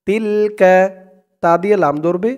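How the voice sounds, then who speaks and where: A high-voiced man with a smooth, clear tone leads a slow recitation lesson. He draws out each syllable in measured chant, then breaks into plain spoken explanations of how to pronounce each letter. His pace is unhurried throughout. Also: fairly even intonation, darkish tone. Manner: chants verses slowly, then explains pronunciation rules plainly. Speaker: Quran reading teacher.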